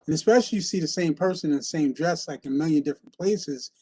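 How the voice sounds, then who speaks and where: Casual, chatty man hosting, fairly high voice. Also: fast talker, mellow, breathy edge. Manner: casual and chatty, full of fillers and repeated starts. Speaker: host. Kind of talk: casual interview conversation.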